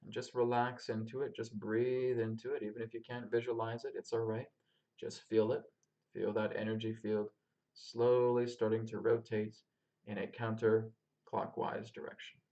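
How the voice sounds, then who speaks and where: Low-voiced man leading a calm grounding exercise. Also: moderate pace, lo-fi sound. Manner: calm, instructing listeners step by step through breathing. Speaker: spiritual teacher and healer leading a live session. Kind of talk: calm guided grounding meditation.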